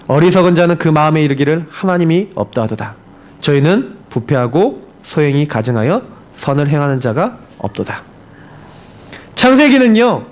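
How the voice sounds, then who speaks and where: Animated Korean man preaching. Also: on the high side. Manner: animated storytelling preacher, shifts between loud outbursts and hushed prayer. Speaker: pastor. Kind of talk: sermon. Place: church sanctuary.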